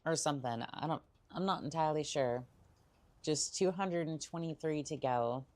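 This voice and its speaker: Speaking at a moderate pace in a low, slightly mellow voice, a woman livestreams a video game. She keeps up casual conversation with playful teasing, tentative thinking aloud and remarks made in character.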